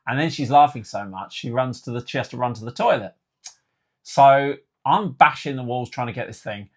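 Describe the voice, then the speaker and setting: A man's voice: medium pitch, normal speed. A man co-hosting a casual vlog with his partner, telling jokey stories and acting out the other people in them. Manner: joking storyteller, acts out other people's voices. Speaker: co-host, partner of the host. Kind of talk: casual chat.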